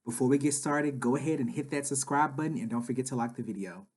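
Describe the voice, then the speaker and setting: A man's voice: medium pitch, fast, darkish tone. A man in his thirties, a father, chatty and upbeat as he narrates a family vlog voice-over, often saying "like". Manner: enthusiastic, chatty, says "like" a lot.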